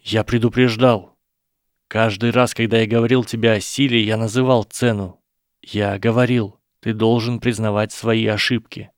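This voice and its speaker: A man voicing an earnest boy wizard who explains things in a measured, persuasive way. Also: fairly low pitch, level tone, clean tone, dry recording, clean studio sound, close to an everyday voice. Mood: apologetic pleading. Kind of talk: audiobook character voice.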